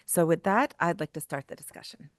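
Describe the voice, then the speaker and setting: A woman's voice: fairly low pitch, brisk, heavy background noise. A woman speaking in front of an audience as a panel moderator, introducing speakers and a discussion.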